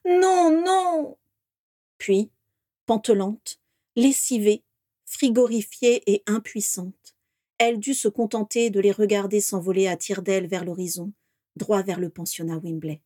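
A woman narrating a fantasy story in a steady, expressive reading voice. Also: medium pitch, normal speed, dry recording, clean studio sound. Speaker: audiobook narrator. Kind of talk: scripted narration.

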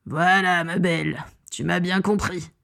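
A woman's voice: on the low side, steady tone, measured pace, vocal fry, fairly bright tone. A woman reading an audiobook voices a crazed male wizard villain who gloats, taunts and threatens. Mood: menacing. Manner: taunting, triumphant, menacing. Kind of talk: audiobook character voice.

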